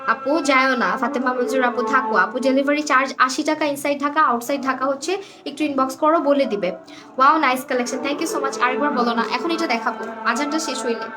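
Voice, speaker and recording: A woman's voice: high-pitched, fairly quick, music in the background. A woman hosting a live clothing sale, chatting casually, reading out viewers' comments and names, and slipping English words into her talk. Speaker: online clothing seller on a live stream. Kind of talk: casual live-stream sales chat.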